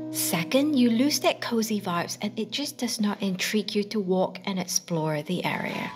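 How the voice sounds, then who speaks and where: A woman in her thirties, a host narrating a garden tour in a gentle, enthusiastic, explanatory way. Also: mid-range voice. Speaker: plant channel host. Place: outdoors in a tropical garden. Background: background music.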